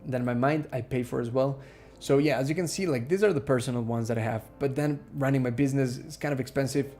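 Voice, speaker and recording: A man's voice: medium pitch, quick pace, a little mellow. A man from Ecuador hosting a casual live stream Q&A, chatting with viewers, reading their questions aloud and using lots of fillers.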